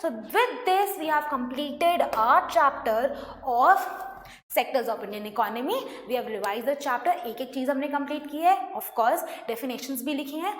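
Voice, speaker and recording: A woman's voice: sits high, lively intonation, takes it slowly, fairly bright tone. A woman teaching an online class, mixing Hindi and English and explaining by asking her students questions. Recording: echoey room, faint noise.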